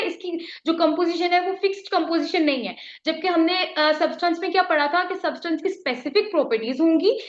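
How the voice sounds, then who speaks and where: A woman with a Pakistani Urdu accent teaching a chemistry class, explaining patiently and often checking whether students follow. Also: very high-pitched. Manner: explains patiently, mixing English terms, often checks "theek hai?". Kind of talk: classroom lecture. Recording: echoey, slightly dull classroom recording.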